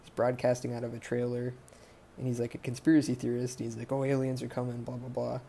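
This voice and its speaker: Male podcast host, gravelly, warm low tone, rambling profane recap, faint noise behind. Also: monotone, fast talker. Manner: rambling, profane, lots of fillers and self-corrections. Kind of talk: casual movie recap.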